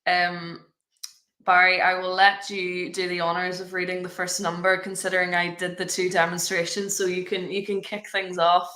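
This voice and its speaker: Bright-voiced woman calling bingo, echoey. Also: on the low side, completely flat delivery, moderate pace. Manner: wry, sarcastic banter. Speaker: bingo caller and co-host of a live online game. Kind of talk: bingo calling with explanations and casual banter. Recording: echoey room sound.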